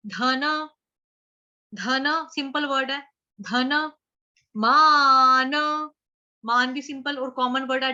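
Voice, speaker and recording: Lady teacher going syllable by syllable through sanskrit verses, slow, kinda dull lo-fi sound. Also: sits high, pushed and bright. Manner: spells words out letter by letter, then chants the verse. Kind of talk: slow syllable-by-syllable recitation lesson.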